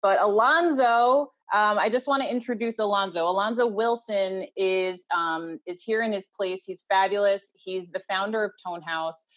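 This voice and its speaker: A woman's voice: medium pitch, moderate pace, hardly any pauses, a bit bright. Upbeat woman hosting, slightly muffled audio. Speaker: webinar host. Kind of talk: casual introduction of a guest. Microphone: video call. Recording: dull, lo-fi video-call audio.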